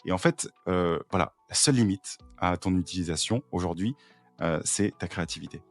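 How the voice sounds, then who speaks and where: A man's voice: sits low, fairly quick, no room sound, soft background music. A man talking in a casual podcast conversation, eagerly explaining with frequent fillers and restarts. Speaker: podcast guest, AI trainer.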